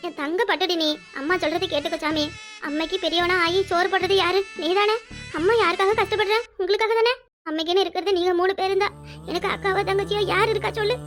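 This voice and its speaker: A very high, bright, rapid voice of a harried village mother, played by a woman in a cartoon, switching between scolding her children and coaxing them with dialect endearments. She speaks with a southern Tamil accent from Tirunelveli, over faint music. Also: steady tone. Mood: tender. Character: weary, devoted village mother of three. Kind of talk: cartoon voice acting.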